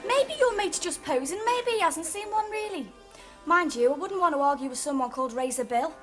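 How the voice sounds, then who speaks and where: A woman's voice: high-pitched, brisk. An actress playing a cheeky, bossy young woman who teases with dry sarcasm in natural TV comedy-drama dialogue. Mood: playful teasing. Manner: teasing, wisecracking, deadpan sarcasm. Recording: music and crowd chatter behind.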